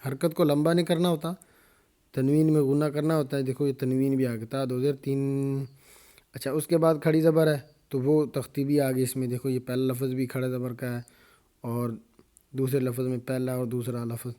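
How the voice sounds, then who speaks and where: Man, Quran reading teacher, Pakistani Urdu accent, dark mellow tone, flat even delivery, spells syllables out slowly. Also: medium pitch. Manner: spells each syllable slowly, then explains rules. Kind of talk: slow spelled-out reading drill.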